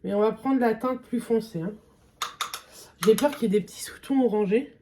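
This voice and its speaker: A young woman talks her way through a makeup test in a relaxed vlog, pausing often with little fillers. Her voice sits a bit high, with a faint hiss of noise under it. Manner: chatty, hesitant with many fillers. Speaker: beauty vlogger. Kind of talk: casual makeup vlog chat.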